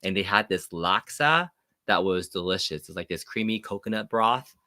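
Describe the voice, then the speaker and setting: A man's voice: deep voice, normal speed, sharp tone, no room sound, clean studio sound. A man hosting a casual livestream chat, talking loosely with fillers and restarts. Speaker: host.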